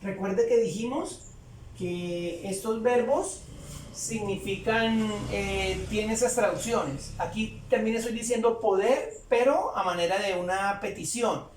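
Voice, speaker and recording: A man teaching English grammar in Spanish, explaining slowly and repeating phrases as he writes on a board. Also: high voice, distant mic, slight background noise. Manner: slow, repeats phrases while writing. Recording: echoey room, voice away from mic.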